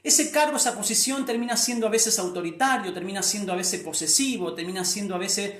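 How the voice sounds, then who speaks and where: A man's voice: sits high, a little fast, fairly bright tone, reverberant. A middle-aged man preaching a sermon, earnest, often repeating words and restarting before lifting his voice on key phrases.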